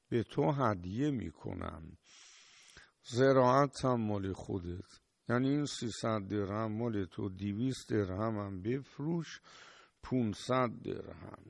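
A man's voice: on the low side, lively intonation, creaky, dry recording. A man preaching a sermon, retelling a story with emphatic rises.

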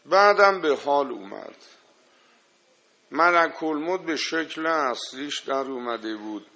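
A male preacher delivers a sermon with a forceful, bright voice, retelling a story with drama and acting out the dialogue. He turns to his listeners with emphatic lists of warnings, pressing each point home. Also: fairly high pitch, lively intonation.

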